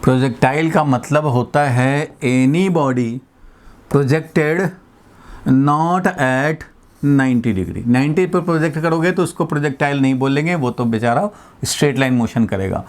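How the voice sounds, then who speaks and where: A middle-aged man from India gives a physics lesson in a voice pitched a little high. He explains slowly and circles back over each point. He mixes English terms into his Hindi and asks the class rhetorical questions. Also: a little mellow. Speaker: physics teacher. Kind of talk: classroom lecture.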